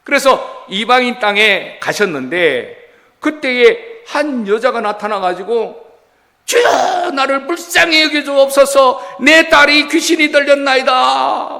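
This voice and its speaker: Male pastor, lively Sunday sermon, long church-hall reverb. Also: high voice. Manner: animated, acts out quotes, asks congregation rhetorical questions. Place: church sanctuary.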